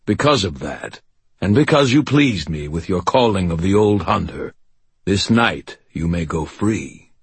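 Man doing a menacing ancient hunter-king, raised and strange-sounding, husky edge, dry close sound. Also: low voice, animated, dry recording, exaggerated voice. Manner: haughty, slow and threatening.

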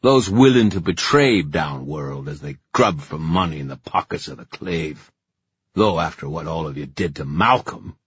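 A man voicing a sly, fanatical pack leader in an audiobook, with a menacing, scheming manner and a husky voice. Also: rumbling low, animated, moderate pace, fairly bright tone, no echo, highs cut off, heavily acted. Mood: scornful.

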